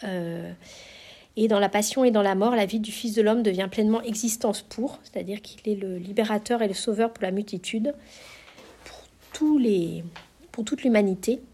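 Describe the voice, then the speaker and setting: A woman's voice: medium pitch, normal speed, dark tone, slightly rough. A woman leads a Bible study, talking through scripture in a loose, unscripted way. She hesitates often and restarts her sentences as she goes. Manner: hesitant, many fillers and restarts. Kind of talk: informal Bible teaching.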